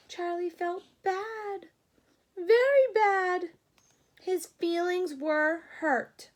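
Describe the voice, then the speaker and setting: A woman in her thirties with a high-pitched voice reads a children's storybook aloud the way a teacher would. She is expressive and stops now and then to explain things and ask questions.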